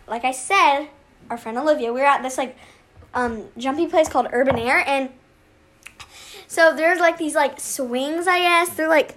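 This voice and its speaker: A young woman with a high voice tells a story among friends. She rambles, stopping and restarting with plenty of fillers, in a relaxed, casual way.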